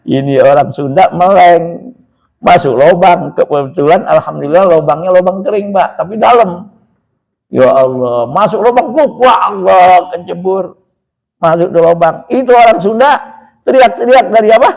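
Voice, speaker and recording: A male preacher delivers a hadith lesson in a mosque coloured by speech. He tells joking anecdotes and keeps calling his listeners Pak. His voice sits high and has a gravelly edge. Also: normal speed, rough recording. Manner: animated storytelling, addresses the men as Pak.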